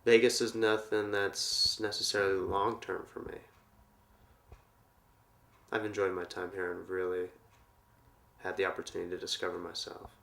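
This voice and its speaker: A man from Portland, Oregon who teaches yoga, answering interview questions in a calm, earnest, spiritual way. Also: low-pitched, normal speed, vocal fry, long pauses. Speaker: yoga teacher and massage therapist.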